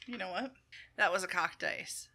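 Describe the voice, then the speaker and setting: A woman's voice: lowish voice, noisy background. A woman chatting expressively as a player at the game table. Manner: lively, expressive, quick to laugh. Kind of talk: casual chat at the game table.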